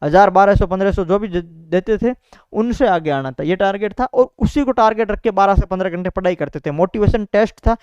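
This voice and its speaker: A man's voice: sits high, brisk, a little mellow, clean tone, no room sound, lo-fi sound. A young man talks casually to exam students about his preparation, repeating himself and filling in with "bhai" and "theek hai". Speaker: exam topper sharing preparation strategy. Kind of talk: casual motivational talk to students.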